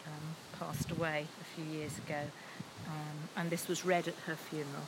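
A woman reading verse aloud in a measured recitation, picked up quietly from a distance. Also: low-pitched, little pitch movement. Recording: quiet, distant pickup with clear background noise.

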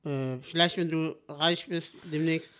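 A young man co-hosting a casual podcast, talking in an animated, jokey, rambling way. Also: on the high side, measured pace. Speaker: podcast co-host. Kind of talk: casual chat.

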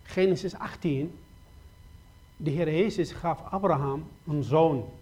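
A man from Iraq, preaching a sermon, swinging from loud exhortation to quiet pleading with repeated rhetorical questions. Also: on the high side, slow, slightly rough.

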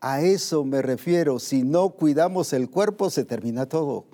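A man preaching a sermon, emphatic, moving between raised and hushed delivery and slowing down to stress scripture. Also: on the high side, expressive.

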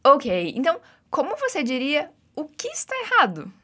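A woman's voice: high-pitched, huge pitch swings, normal speed, bright, forceful tone. A woman with a Brazilian Portuguese accent teaching English phrases, patient and encouraging as she drills repetitions. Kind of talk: guided language lesson.

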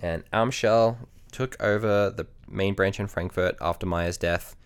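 A man's voice: sits low, measured pace, clean tone. A man co-hosting a podcast, casually telling a history story with frequent ums and restarts. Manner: relaxed, hesitant, many ums and restarts.

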